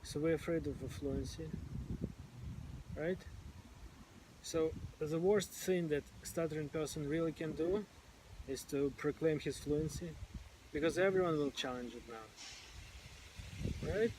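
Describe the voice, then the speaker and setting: Slow and frequently pausing, this man from a stammering support group talks informally in a higher, darkish voice, occasionally stuttering by repeating sounds when a word catches. The audio is poor, with some background noise.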